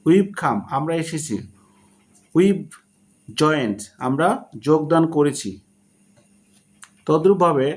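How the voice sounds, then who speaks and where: A man teaching a spoken English lesson in Bengali, who says short English phrases slowly and deliberately and then translates them. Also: fairly high pitch, darkish tone.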